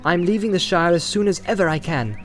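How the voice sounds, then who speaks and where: A man voicing an earnest, troubled young male hobbit in an audiobook, speaking in a thoughtful, measured and gently firm way. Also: sits high, animated, soft background music, pitched above the performer's own voice. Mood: grave, earnest. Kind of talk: audiobook character voice.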